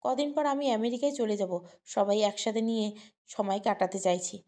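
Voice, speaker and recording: A woman voicing an excited young woman pleading with her friend to come to her party. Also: medium pitch, brisk, close to an everyday voice.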